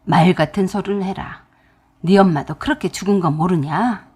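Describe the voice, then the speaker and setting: A woman voicing a furious elderly father-in-law who scolds his children in a harsh, shouting voice for a radio drama. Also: fairly low pitch, moderate pace, breathy edge, pitched below the performer's own voice. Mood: scolding.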